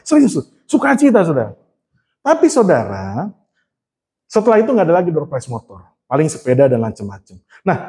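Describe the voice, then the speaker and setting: A preacher with a notably high voice tells a long personal story in a relaxed, conversational sermon. He keeps turning to his listeners and teases himself along the way. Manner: conversational storytelling, often addressing the congregation; humorous and self-mocking.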